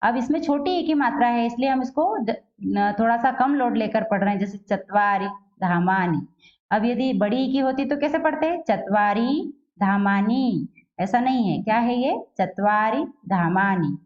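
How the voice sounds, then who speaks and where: Woman teacher, higher voice, drills pronunciation with question-and-answer, slow careful reading, dull lo-fi sound. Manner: asks questions and answers them herself; reads Sanskrit slowly and carefully. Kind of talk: online Sanskrit lesson.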